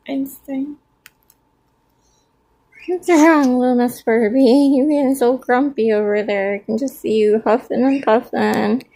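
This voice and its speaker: A woman coos at her pet birds in a sing-song baby-talk voice. Her tone is high and soft, with a very breathy, husky quality and a gravelly edge. She speaks slowly and warmly. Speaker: pet bird owner. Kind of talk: cooing pet-talk vlog.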